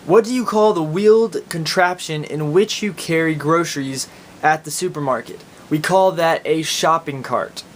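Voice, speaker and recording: A man with an Oklahoma accent chatting casually and informally as a video blogger. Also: normal speed. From Oklahoma, United States. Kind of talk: casual chat to camera, answering accent tag questions. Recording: steady background noise with low rumble.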